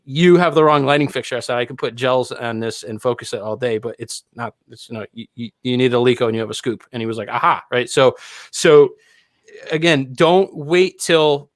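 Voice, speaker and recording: A man's voice: medium pitch, normal speed, dry recording. Dry-sounding man explaining audio gear. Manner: explains with everyday analogies, keeps checking "right?". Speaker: podcast co-host. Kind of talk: casual live podcast chat.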